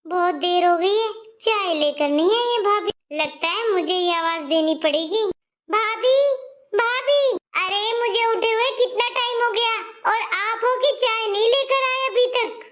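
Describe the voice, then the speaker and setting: A woman's voice: very high-pitched, a little slow, a bit bright, dull audio. A woman voicing a spoiled, bossy young married daughter in a cartoon story. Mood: complaining. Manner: complaining, bossy.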